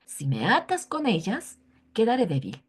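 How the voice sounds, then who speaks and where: A Mexican Spanish woman voicing a strong young man in a children's Bible story, answering slowly and hesitantly. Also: on the high side, wildly swooping pitch, slightly rough, exaggerated voice. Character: strong young man Samson, plain and calm.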